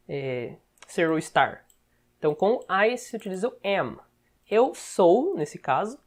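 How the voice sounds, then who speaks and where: A woman with a Brazilian Portuguese accent, teaching English by explaining film dialogue, checking in often with short tags and repeating words slowly to model them. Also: fairly low pitch.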